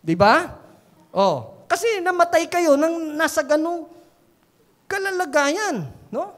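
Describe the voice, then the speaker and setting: High-voiced woman preacher in a reverberant church. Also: very animated, takes it slowly. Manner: storytelling preacher, often prompting the congregation for a response. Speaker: pastor. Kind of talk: sermon. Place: church sanctuary.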